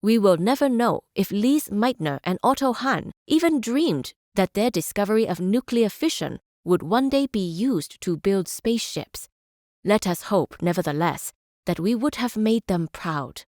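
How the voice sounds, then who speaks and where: Woman acting as measured, visionary chancellor-scientist, dry studio sound. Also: medium pitch, animated, a little mellow, no room sound, close to an everyday voice. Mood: earnest hope. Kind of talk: formal speeches and quotations in a strategy game.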